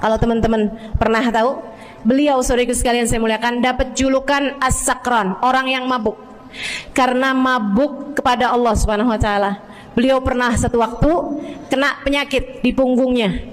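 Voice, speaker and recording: A woman preacher telling stories in a lively, animated sermon, addressing her audience directly. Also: on the high side, moderate pace. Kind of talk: storytelling sermon. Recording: long hall reverb.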